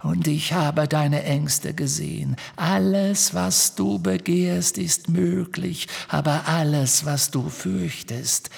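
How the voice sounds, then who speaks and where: A man voicing a menacing male spirit trapped in a locket, speaking in slow hissing whispers. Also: fairly high pitch, creaky, a little mellow, husky, big-room sound, voice pushed up, heavily acted. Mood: hissing, taunting.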